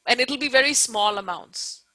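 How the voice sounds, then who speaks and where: A woman's voice: a little high, moderate pace, sharp tone, dry recording, rough recording. A woman teacher giving an informal live online lecture, explaining emphatically, repeating key points and often checking that listeners follow.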